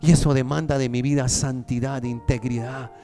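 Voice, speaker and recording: A man preaching a sermon to his church, pleading and emphatic, slowing his words for weight. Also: steady tone, mellow, soft background music. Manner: impassioned preaching, slows down for emphasis, rises in pitch when pleading. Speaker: pastor.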